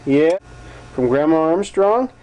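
A man's voice: fairly high pitch, lively intonation, measured pace, noisy background. A man filming his children on an old home-video tape, playfully coaxing them from behind the camera. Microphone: camcorder microphone.

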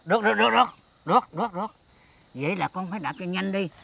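An actor with a Southern Vietnamese accent playing a kindly old man who gently coaxes a lost little boy. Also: very fast, vocal fry, noisy background. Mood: coaxing. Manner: gentle, coaxing, low and soft. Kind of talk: TV fairy-tale drama acting.

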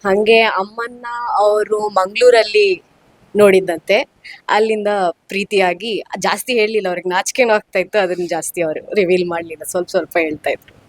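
Young woman chatting fast about family memories, mixes in english words, dry sound. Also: mid-range voice, steady tone, no room sound. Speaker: grandchild being interviewed. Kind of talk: casual interview reminiscence.

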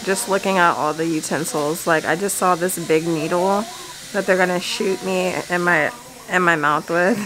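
A woman's voice: on the low side, steady tone, normal speed, a bit bright, low-quality recording. A woman in her thirties chatting casually and nervously to viewers on a handheld camera, candid and talkative. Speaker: family vlogger. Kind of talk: casual vlog chat to viewers. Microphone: handheld camera at arm's length.

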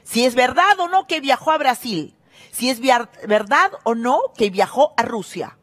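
Middle-aged woman hosting a gossip show, high and lively voice, scornful and emphatic. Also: measured pace. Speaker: TV show host.

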